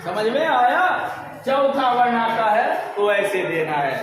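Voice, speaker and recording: A man teaching a Hindi grammar lesson at a board, slowly, asking the class questions and answering them himself. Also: very high voice, very animated. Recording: very echoey room with clear background noise.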